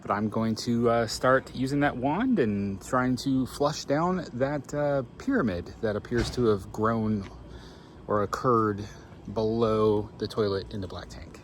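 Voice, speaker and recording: A man with a mid-pitched voice chats informally, as if filming his own vlog. He thinks aloud and narrates chores as he goes. Faint ambient noise sits behind his voice. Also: measured pace. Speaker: RV living vlogger. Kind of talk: casual first-person vlog chat while doing chores.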